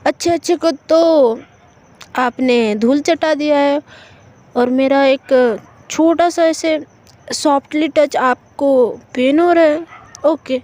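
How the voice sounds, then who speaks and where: A woman's voice: high voice, slow pace, darkish tone, voice pushed up. A woman doing pleading, apologetic young woman in love. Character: young woman pleading with her upset girlfriend.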